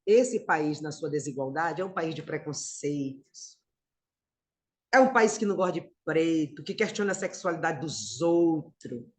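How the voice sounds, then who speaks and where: A woman's voice: deep voice, animated, measured pace. A middle-aged woman from Brazil giving a conversational spiritist lecture, calling her listeners brothers and sisters.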